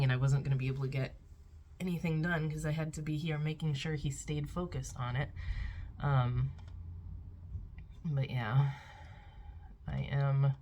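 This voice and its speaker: A woman with a notably low voice rambles through a casual home vlog, full of filler words and small laughs. She talks into a phone camera in her house. A faint background hiss runs under her voice. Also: a little mellow. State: out of breath. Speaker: vlogger. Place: at home indoors.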